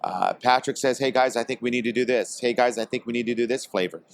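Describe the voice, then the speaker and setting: A man from Portland, Oregon, guest on a podcast, speaking hesitantly with many pauses and fillers. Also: medium pitch. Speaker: guest, tobacco company executive. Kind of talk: casual podcast interview. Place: trade expo.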